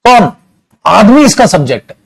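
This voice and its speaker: Indian guy teaching grammar, highish voice, keeps repeating examples and calling students beta. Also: very animated, normal speed, gravelly, husky, low-quality recording. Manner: explains with repeated examples, calls students beta, acts out little dialogues. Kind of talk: classroom lecture.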